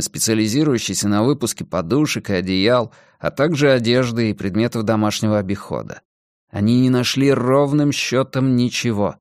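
A man reading a novel aloud as an audiobook narrator, in a measured, deliberate manner. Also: medium pitch, darkish tone, no room sound, studio quality. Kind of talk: scripted narration.

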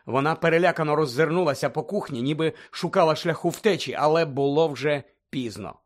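A man narrating an audiobook in a dramatic, expressive reading style. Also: a little high, a little fast. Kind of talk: scripted narration.

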